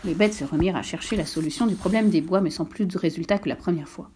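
A woman narrating a children's storybook in a steady, clear reading voice. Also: lowish voice, quick pace, slight background noise.

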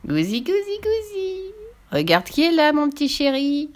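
A woman's voice: high voice, wildly swooping pitch, moderate pace, pitched above the performer's own voice. A woman doing a spiteful rhyming storybook witch. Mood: mocking, spiteful. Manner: spits silly insults in rhymes. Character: spiteful bickering witch, female, cackling insults.

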